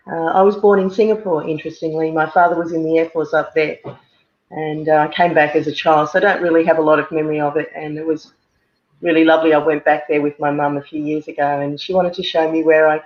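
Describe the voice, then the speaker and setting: An Australian woman guest on a video call, talking in a halting way, with many fillers and repeated words. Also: deep voice. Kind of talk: casual interview chat. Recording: muffled lo-fi video-call audio.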